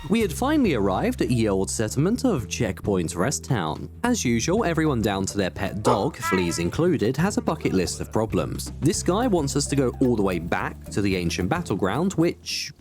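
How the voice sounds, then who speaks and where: A man narrates a video game in a sardonic, mock-grandiose style, like a scripted comedy voice-over. His mid-pitched voice swings dramatically up and down, with game music playing clearly behind him. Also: sing-song, normal speed, hardly any pauses.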